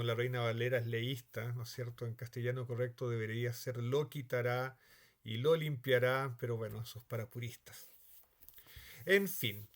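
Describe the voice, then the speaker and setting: A man explaining a Bible passage in a screen-share lesson, thinking aloud with frequent fillers. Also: fairly high pitch. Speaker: Bible study teacher.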